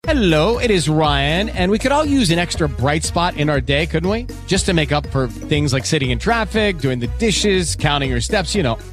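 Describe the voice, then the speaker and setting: Lively high-voiced American man in an ad. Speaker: advertising spokesman. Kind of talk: scripted chatty radio advertisement. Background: light music.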